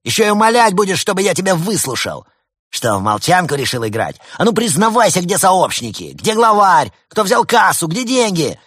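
A man voicing a hot-tempered male animal police lieutenant playing bad cop, shouting threats and insults. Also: sits high, very animated, moderate pace, husky, no room sound, clean studio sound, pitched above the performer's own voice, heavily acted. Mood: yelling. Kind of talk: audiobook character voice.

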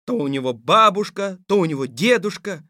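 An actor playing a stern but sensible fairy-tale tsar who speaks in a gruff, commanding way. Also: male voice, high-pitched, expressive, normal speed, sharp tone, no echo, studio quality. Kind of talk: audio fairy-tale drama.

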